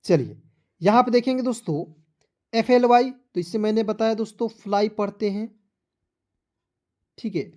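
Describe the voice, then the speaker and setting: Male phonics teacher, mellow warm tone, spells slowly and quizzes viewers repeatedly. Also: sits high. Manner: spells words letter by letter, then quizzes viewers; patient, repetitive explaining. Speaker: English teacher. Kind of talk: online phonics lesson.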